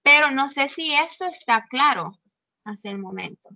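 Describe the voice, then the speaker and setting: A woman's voice: sits high, expressive, normal speed, pushed and bright, no echo. A woman teaching an English grammar class online, explaining in Spanish with English examples and checking in often. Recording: dull, muffled online audio.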